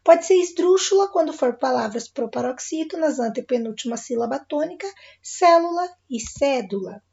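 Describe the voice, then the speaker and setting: A woman's voice: high voice, expressive, normal speed, gravelly, a little mellow, highs cut off. A woman with a Brazilian Portuguese accent teaching a recorded lesson, friendly and checking in with her students.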